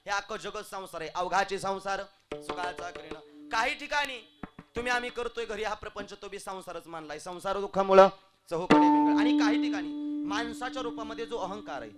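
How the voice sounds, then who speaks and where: A man preaching a devotional kirtan sermon, declaiming loudly and then dropping to hushed asides. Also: sits high, animated, fairly quick, music in the background. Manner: declaiming, swings between loud proclaiming and hushed asides.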